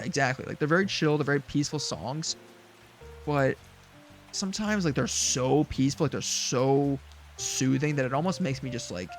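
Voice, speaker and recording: A man streaming a farming game, chatting casually with lots of fillers and restarts. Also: medium pitch. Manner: rambling, many fillers and restarts, chuckles. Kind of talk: casual gameplay chat.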